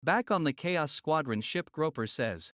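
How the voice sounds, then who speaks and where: A young man narrates a homemade audiobook steadily and plainly. His voice sits fairly high and the recording is dry and close. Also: lively intonation, measured pace, fairly bright tone, no echo.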